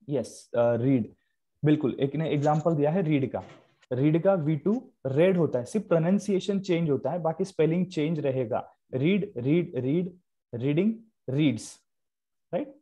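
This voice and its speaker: A man's voice: on the high side, mellow, lo-fi sound. A young man teaching English grammar in a live online class, explaining in Hindi with English terms and repeating key points.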